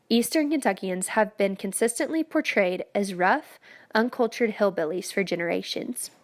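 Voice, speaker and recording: A young adult woman reading a scripted class presentation, slowing down and stressing the example words. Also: mid-range voice. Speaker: student presenter. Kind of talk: scripted narration.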